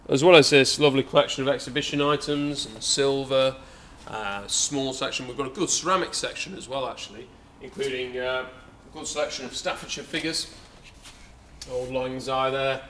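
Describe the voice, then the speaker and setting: A young English auctioneer walks around a large indoor saleroom giving a casual preview of his sale, chatty but hesitant and full of fillers. His mid-range voice holds a steady tone at normal speed, a bit bright, caught on a camera mic with slight background noise.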